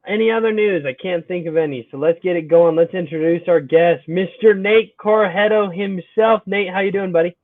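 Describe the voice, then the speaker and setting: A young man hosts a college sports podcast in a casual, upbeat style, opening with an energetic intro before relaxing. His voice sits high, moves at normal speed with hardly any pauses, and comes through a tinny, phone-like line that is dry with no room sound.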